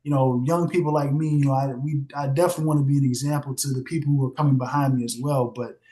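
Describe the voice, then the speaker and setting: A man's voice: medium pitch, fairly even intonation, fast talker, dark tone. A young man, a guest author, talking earnestly in a casual podcast conversation, leaning on many fillers and restarts. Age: young adult.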